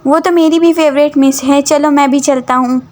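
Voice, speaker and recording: A woman's voice: high-pitched, steady tone, normal speed, darkish tone, close to an everyday voice. A woman voicing Daniyal, cheeky young student. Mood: teasing. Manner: teasing, cheeky and pestering.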